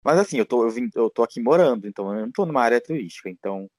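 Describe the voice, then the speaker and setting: A man's voice: mid-range voice, expressive, racing, a little mellow, dry recording. A Brazilian man, a guest in a casual interview, talking in a rambling way with many fillers and restarts. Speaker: guest, teacher living abroad.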